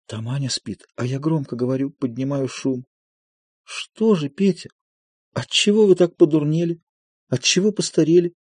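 A man's voice: high voice, moderate pace, darkish tone, no echo, pitched above the performer's own voice. A man voicing a wistful, tearful noble lady. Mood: tender. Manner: wistful, emotional. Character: middle-aged noble lady, nostalgic and tearful.

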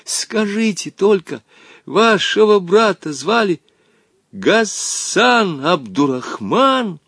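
A man voicing a quick-witted young boy who cries out urgent questions. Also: high voice, big pitch swings, fairly bright tone, husky, dry recording, studio quality, voice pushed up, exaggerated voice.

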